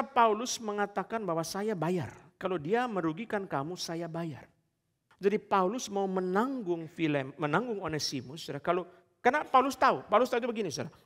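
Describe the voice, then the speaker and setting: Emphatic high-voiced male pastor preaching. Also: a bit bright. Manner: emphatic, keeps addressing the congregation. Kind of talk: sermon. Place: large church hall. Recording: long church hall reverb.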